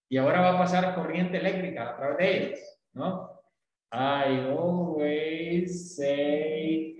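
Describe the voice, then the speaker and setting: A man from Latin America gives a patient English lesson, explaining with images and checking in with questions. His voice sits a little high. It rings through a strongly echoey room. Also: dull audio. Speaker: English teacher.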